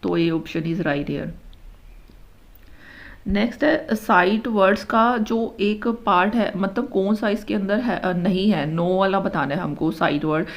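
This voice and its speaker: A woman teacher explaining an exam-prep lesson step by step, mixing English terms into her Hindi and reading each option slowly before explaining it quickly. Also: medium pitch. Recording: dull lo-fi recording.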